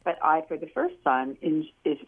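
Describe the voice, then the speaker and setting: A woman's voice: low voice, very animated, moderate pace, husky. Older woman talking over a tinny phone. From California. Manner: chatty, rambling storyteller. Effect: heard over a phone line. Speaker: guest author. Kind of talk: phone interview.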